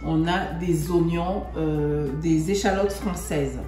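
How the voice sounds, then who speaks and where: A woman's voice: low voice, fairly even intonation, slow, echoey room, music in the background. A woman from Congo giving a cooking demonstration, chatting and rephrasing herself as she works. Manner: chatty, repeats and rephrases while working. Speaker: home cook presenting a recipe.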